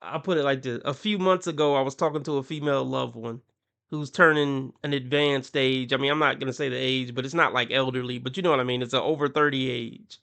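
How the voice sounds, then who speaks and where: A man's voice: mid-range voice, steady tone, fairly quick, gravelly, bright, forceful tone. A man hosting a reaction commentary, talking with a mocking tone, often laughing and putting on voices to quote people. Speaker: commentary channel host.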